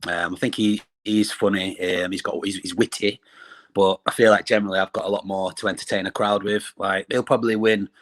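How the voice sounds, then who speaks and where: A man's voice: on the low side, little pitch movement, a little fast, a bit bright. A British man in his thirties bantering casually as a guest on a video call. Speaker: battle rapper, guest. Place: room at home, video call.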